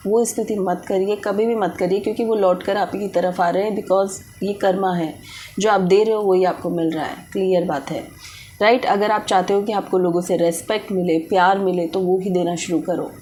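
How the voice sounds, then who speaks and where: A woman's voice: mid-range voice, a little mellow, slight background noise. A woman reading tarot for viewers, giving direct advice and mixing English words into Hindi. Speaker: tarot reader.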